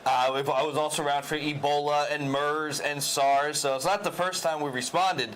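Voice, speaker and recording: Man, 30s, from Queens; earnest candidate, filler-heavy answers, slightly high voice. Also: steady tone, moderate pace, a bit bright, a little hiss or hum, rough recording. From New York, Queens. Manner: earnest, hesitant with many "uh" fillers. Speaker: political candidate, guest. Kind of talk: TV interview answers.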